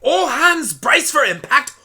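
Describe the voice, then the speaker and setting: Frantic Doctor Whooves, wildly swooping pitch acted out. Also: sing-song, unhurried, gravelly, pushed and bright, full character voice. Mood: excited, rambling. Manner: frantic, exclamatory, chattering to self. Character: frantic, excitable alien Doctor turned into a talking pony. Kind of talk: hobby radio play character acting.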